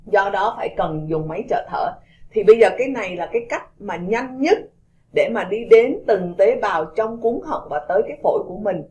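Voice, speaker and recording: A woman's voice: medium pitch, dark tone. A woman hosting a talk show, translating and explaining for her audience in a chatty way with many hesitations and repeated words. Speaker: host and interpreter.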